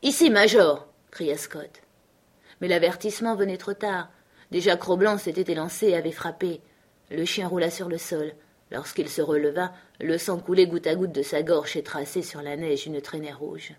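A woman narrating a classic novel in a measured, clear reading. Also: lowish voice, steady tone, darkish tone. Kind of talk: audiobook narration.

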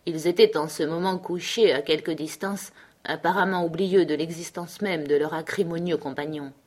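A woman narrating a classic novel in a measured, clear reading. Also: deep voice, steady tone, darkish tone. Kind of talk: audiobook narration.

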